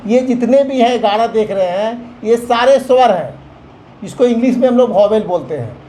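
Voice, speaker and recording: A man's voice: extremely high pitch, lively intonation, moderate pace, dark tone, slight background noise, low-quality recording. A man teaching a grammar lesson to children, explaining step by step with examples.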